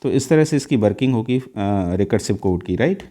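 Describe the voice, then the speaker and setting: धीमे-धीमे समझाता, गहरी आवाज़ वाला आदमी. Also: male voice, mid-range voice, expressive, dark tone. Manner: mixes Hindi and English, steps slowly through each value with many "uh" fillers. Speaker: teacher. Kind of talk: exam-prep lecture walking through code.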